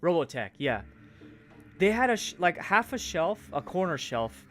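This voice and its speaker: A man's voice: high-pitched, sing-song, unhurried, fairly bright tone, slight background noise. A man with a Canadian accent chatting casually on a stream while building a Lego set, rambling with fillers and trailing off as he tries to recall things. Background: faint game music.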